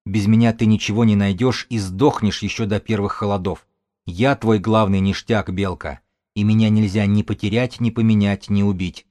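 A man's voice: fairly low pitch, steady tone, moderate pace, a little mellow, lightly acted. Man reading a stubborn bookish young man. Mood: defiant. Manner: reproachful, stubborn. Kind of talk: audiobook character reading.

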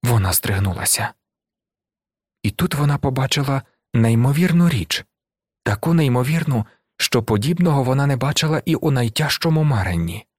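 Male narrator for a dramatic classic; measured and expressive, dry booth sound. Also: mid-range voice, breathy edge, no room sound. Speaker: audiobook narrator.

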